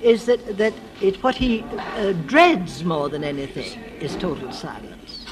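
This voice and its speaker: A very old woman from the United States speaking in a reflective literary interview, halting and sometimes losing her thread. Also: fairly low pitch, a crowd in the background. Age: elderly, very old. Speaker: interviewee, friend of the writer discussed. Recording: clearly noisy archive interview recording.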